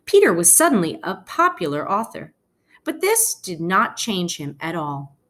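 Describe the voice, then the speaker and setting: A woman who teaches is reading a picture book to young children, narrating slowly and deliberately with pauses. Her lowish voice swings hugely in pitch and sounds a bit bright.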